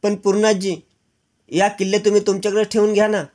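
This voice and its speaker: A man reading out the lines of a gentle, humble young wife. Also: sits high, little pitch movement, brisk, voice pushed up, close to an everyday voice.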